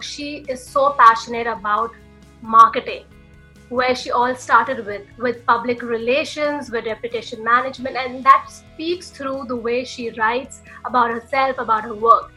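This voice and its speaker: A woman's voice: sits high, bright, forceful tone, low-quality recording. A woman hosting a podcast interview, introducing her guest with enthusiastic, effusive praise. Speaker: podcast host.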